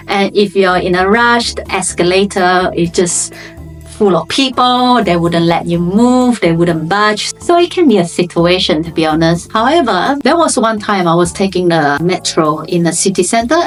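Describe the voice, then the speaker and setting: A woman in her thirties from Malaysia speaks to camera in a vlog, her English carrying a Malaysian accent. She talks in a chatty, informal way at a mid pitch, with loose grammar. Faint music plays underneath. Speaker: vlogger. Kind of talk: casual chat to camera.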